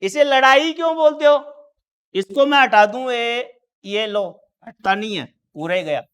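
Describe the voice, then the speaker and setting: A man's voice: extremely high pitch, expressive, unhurried, a bit bright, clear, resonant tone. A man teaching Hindi grammar in a classroom lecture. He explains step by step, keeps quizzing the students with repeated questions, and draws out syllables when he sounds out example words.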